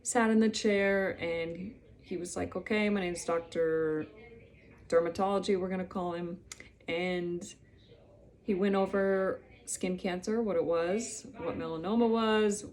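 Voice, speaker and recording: A woman's voice: mid-range voice, fairly even intonation, a little slow, a little mellow. A woman in her thirties telling her own story to camera in a casual, candid way, acting out what people said. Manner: chatty, candid, quotes people in little acted bits. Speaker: vlogger sharing her melanoma story.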